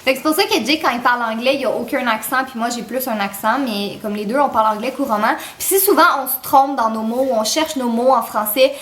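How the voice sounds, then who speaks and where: A woman's voice: on the high side, fast, few pauses. A woman in her twenties from Quebec with a Québécois accent, chatting and telling stories in a giggly casual vlog manner. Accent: Québécois French. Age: 20s. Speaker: vlogger.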